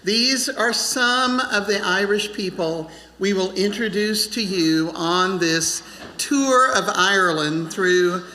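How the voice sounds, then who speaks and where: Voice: medium pitch, slow, sharp tone. A folk band member introducing their set to an audience, friendly and joking. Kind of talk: stage introduction to a concert. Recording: long hall reverb.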